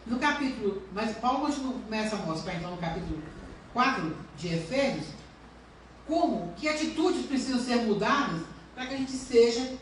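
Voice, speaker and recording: In a very echoey church with a touch of background noise, a woman pastor preaches earnestly and throws rhetorical questions at her congregation, heard from a distance. Her slightly high voice is animated and moderately paced.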